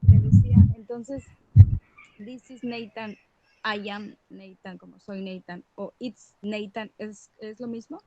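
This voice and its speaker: A woman's voice: mid-range voice, slow, mellow. Apologetic woman student on a tinny line. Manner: apologetic, full of questions. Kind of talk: asking questions in an online class. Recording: tinny phone-like line, mic near a book.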